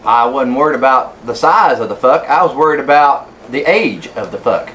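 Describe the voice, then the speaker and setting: Guy playing a sheriff, blunt and drawly, bright sharp voice that bounces all over. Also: mid-range voice, expressive, normal speed, natural voice. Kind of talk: film dialogue.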